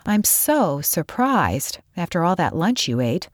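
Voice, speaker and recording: A woman's voice: lowish voice, a little slow, dry recording, clean studio sound. A woman reading aloud, voicing a bold, fearless and curious girl who teases her scared friend. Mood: teasing. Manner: teasing, excited.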